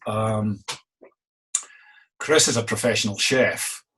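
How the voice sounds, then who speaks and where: A man's voice: on the low side, slow pace, bright, forceful tone, slightly rough. A middle-aged man with a Scottish accent, an innkeeper answering interview questions in a wry, self-deprecating way. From Scotland.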